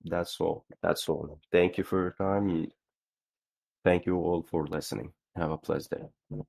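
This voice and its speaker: Young male caller, very low voice, halting and repetitive speech, voicemail message. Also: steady tone, gravelly, darkish tone, husky. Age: 20s. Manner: halting, repeats and restarts words.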